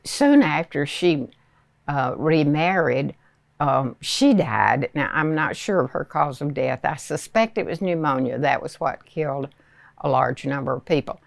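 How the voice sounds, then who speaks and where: A very old woman in her nineties with a Southern US accent, reminiscing in a hesitant, unhurried storytelling way with many pauses. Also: low voice, animated, creaky, no room sound. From rural Arkansas, United States. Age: 90s, very old. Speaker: elderly interviewee recalling childhood. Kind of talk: reminiscing oral history.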